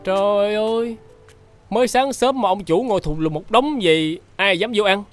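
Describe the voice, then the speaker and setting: A man's voice: high-pitched, faint music behind, natural voice. An actor playing a middle-aged father who teases his grown son, with a Southern Vietnamese accent. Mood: teasing. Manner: teasing, unhurried.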